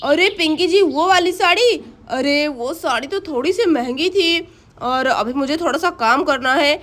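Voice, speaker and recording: A stressed young husband in a doll story complains and protests in a very high voice, as a woman plays him. He sounds harried and defensive throughout. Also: measured pace, a bit bright, slight background noise. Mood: exasperated. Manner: exasperated, protesting.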